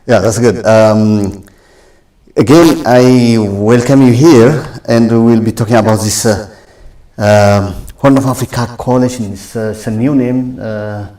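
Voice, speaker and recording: A man's voice: fairly low pitch, measured pace, mellow, far from the mic. A man hosting an interview, asking questions hesitantly with many fillers and restarts. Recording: roomy echo, off-mic.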